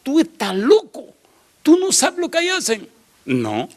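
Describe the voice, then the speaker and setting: Brief: an alarmed, scolding mother with a shrill, high voice, as a preacher plays her. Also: huge pitch swings, a little slow, a little mellow, heavily acted. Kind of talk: acted quote in a sermon story.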